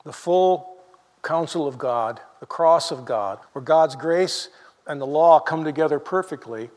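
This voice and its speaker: A man preaching a sermon in a lively, conversational way, full of rhetorical questions to the congregation. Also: fairly high pitch, measured pace, big-room sound.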